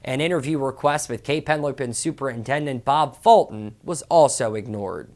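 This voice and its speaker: A woman anchoring a local TV news bulletin in a measured, formal read. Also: rumbling low, darkish tone. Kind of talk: scripted news reading.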